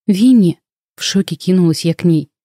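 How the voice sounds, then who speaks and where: A woman reading a first-person audiobook aloud, lively and voicing every character herself. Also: fairly low pitch, brisk, no echo, clean studio sound. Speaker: audiobook narrator.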